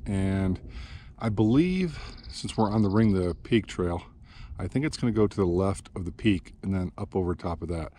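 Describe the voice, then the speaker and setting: A middle-aged man talking casually while hiking a mountain trail, speaking to a handheld action camera in a relaxed, rambling way with fillers. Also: deep voice, moderate pace, a little hiss or hum. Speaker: hiking vlogger. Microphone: action camera held at arm's length.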